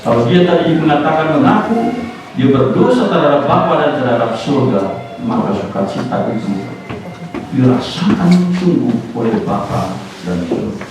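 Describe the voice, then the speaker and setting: A man preaching a sermon, rising in emphasis and slowing down on key words, sometimes slipping in English phrases. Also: fairly high pitch, very animated, very echoey, distant mic, low-quality recording. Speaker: pastor. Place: church sanctuary.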